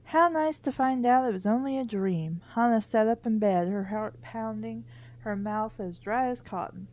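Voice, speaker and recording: Tripping over the odd word and slipping in wry asides, the host of a book reading series gives a casual read-aloud of a children's book. She talks at a normal speed in a fairly high voice that still carries a darkish tone.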